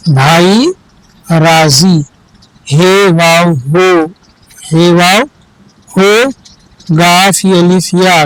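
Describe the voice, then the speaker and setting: A man teaches children to read Urdu, spelling each word out letter by letter before saying it whole. He talks at an extremely slow, deliberate pace and keeps repeating words to correct misreadings. The sound is dry and close, with no room echo. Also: high-pitched, fairly bright tone.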